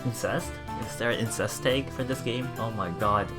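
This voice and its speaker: Over game music, a man with a medium-pitched voice hosts a let's play. He reads the game text aloud and adds casual, halting commentary full of repeated words and exclamations.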